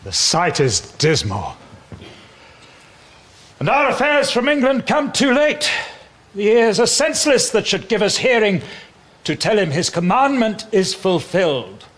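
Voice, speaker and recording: An actor playing a formal, dutiful and dismayed English ambassador, oratorical, in a classical Shakespearean drama. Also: male voice, high voice, sing-song, measured pace, pauses often, a bit bright, full character voice. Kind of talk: classical Shakespearean stage acting.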